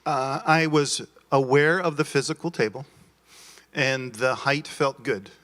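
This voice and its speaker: A man's voice: mid-range voice, fairly even intonation, unhurried, a bit bright. A man, out of breath, giving blunt, eager feedback after playtesting a game. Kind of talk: post-game feedback chat.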